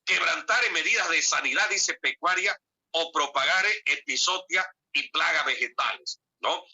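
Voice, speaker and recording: A man giving a classroom lecture, speaking straight to his students and tagging his points with quick questions. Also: on the high side, sharp tone, husky. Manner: peppers talk with tag questions to students; addresses listeners directly, conversational. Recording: dull lo-fi recording.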